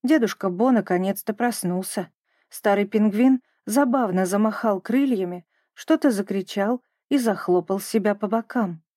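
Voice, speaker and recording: Mellow woman reading a children's story. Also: mid-range voice, moderate pace, no echo, studio quality. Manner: gentle, even storytelling. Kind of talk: scripted narration of a children's story.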